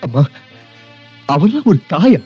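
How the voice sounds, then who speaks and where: A grieving, bitter young son. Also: male voice, fairly high pitch, big pitch swings, measured pace, a little mellow, husky, dull audio, faint music behind, full character voice. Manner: emotional, pleading, tearful. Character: grieving young adult son, bitter toward his birth mother. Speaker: grown son Sathya.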